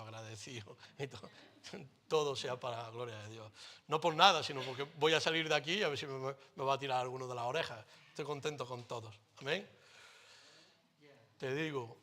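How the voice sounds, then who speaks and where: A pastor with a Spain Spanish accent preaching a sermon in church into a microphone. He swings between loud declarations and quiet, close asides, with light jokes along the way. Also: mid-range voice.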